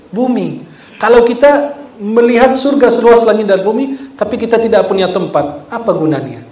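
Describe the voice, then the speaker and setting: A man's voice: on the high side, a little mellow. A man giving a Ramadan sermon, chanting verses in between and rising and falling in emphatic bursts. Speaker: preacher. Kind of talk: Ramadan sermon with Quran recitation. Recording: echoey room, distant mic.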